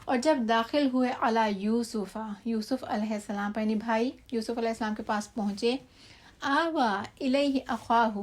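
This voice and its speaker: A woman giving a word-by-word scripture translation lesson. She recites each phrase slowly, then explains it quickly and drops in English words. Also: on the high side, darkish tone. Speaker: Quran teacher.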